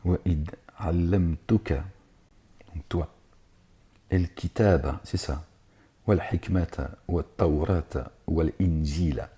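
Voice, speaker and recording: A religious lecturer whose first language is not Arabic reads scripture aloud and comments on it, digressing with sarcastic asides and hesitant fillers. His deep voice is warm and slightly rough, and he speaks slowly.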